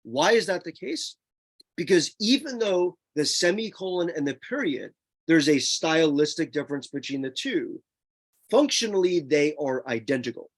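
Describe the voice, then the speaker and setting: A husky-voiced male tutor walks students through a screen-shared lesson. His voice sits a little high and swings widely in pitch. He hammers home his points and speaks directly to the class. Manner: emphatic, repeats points, addresses students directly. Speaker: test prep tutor.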